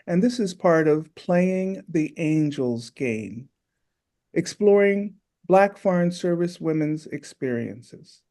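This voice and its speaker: A man opening an oral history interview in a measured, courteous way. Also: on the high side, lively intonation, warm tone. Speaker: interviewer, folklife fellow. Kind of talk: formal oral history introduction.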